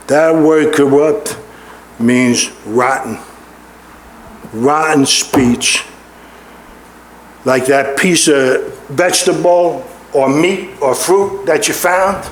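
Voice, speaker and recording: A man's voice: a little high, slight background noise. A middle-aged man preaching a sermon in a church, stressing and repeating his key words. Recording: roomy echo in a large hall.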